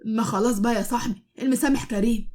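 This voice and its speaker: A woman's voice: fairly high pitch, rapid-fire, darkish tone, close to an everyday voice. Woman voicing a sheepish Egyptian husband. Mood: pleading. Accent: Egyptian Arabic. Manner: pleading, awkward. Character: young husband, sheepish and pleading.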